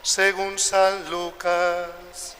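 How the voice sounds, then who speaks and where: A priest with a fairly high, bright voice speaks very slowly and deliberately, often tagging a questioning "eh?" onto his points. His words hang in the long echo of a large church, with faint noise underneath. The delivery is calm and steady, as at Mass. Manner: slow, measured, adds a questioning "eh?". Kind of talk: Mass reading and homily.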